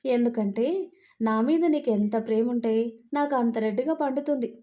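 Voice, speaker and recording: A woman's voice: fairly high pitch, moderate pace, warm tone, natural voice. A woman voicing a playful young bride-to-be who speaks in a teasing, coaxing way in a Telugu audio story.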